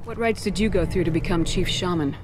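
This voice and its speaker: A woman's voice: lowish voice, a little fast, close to an everyday voice. A woman playing a tough, businesslike space-soldier commander in a video game, direct in manner. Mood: curious, dry. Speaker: military commander.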